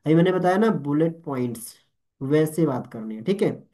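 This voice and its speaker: A man's voice: on the high side, moderate pace. A young man training network marketers, speaking Hindi mixed with English and often checking if everyone is following. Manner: animated, keeps asking "ठीक है?" and "All clear?"; mixes Hindi with English words. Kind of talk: motivational training talk.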